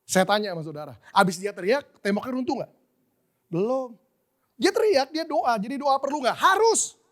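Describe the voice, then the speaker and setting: Brief: male preacher in his 40s, high-pitched, emphatic and rhetorical, drops in English. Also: animated, brisk. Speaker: guest preacher. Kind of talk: sermon.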